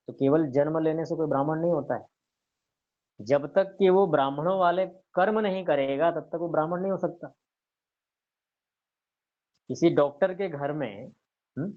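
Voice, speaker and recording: A man with a fairly high voice gives a scripture lecture in a calm, explaining way. He keeps asking his listeners questions and answering them himself, and slows down to recite verses. The recording sounds dull and lo-fi. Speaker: teacher of scripture.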